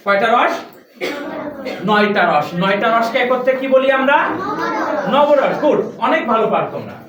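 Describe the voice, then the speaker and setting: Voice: medium pitch, sing-song, normal speed, a crowd in the background. A recitation teacher drilling a class of children on pronunciation, patiently asking the same questions over and over. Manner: patient, quizzes students with repeated questions. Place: classroom with benches. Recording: very echoey room, distant mic.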